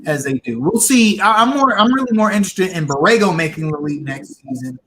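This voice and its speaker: A man co-hosting a casual sports podcast, opinionated and animated, restarting his sentences as he argues. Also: sits high, brisk, slight background noise. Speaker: podcast co-host.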